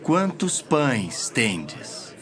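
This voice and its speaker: A man playing Jesus as a grave, deliberate teacher in a dramatized audio Bible. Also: mid-range voice, sing-song, fairly bright tone, heavily acted. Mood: compassionate, solemn. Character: Jesus, solemn adult male teacher, grave and reproving. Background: music.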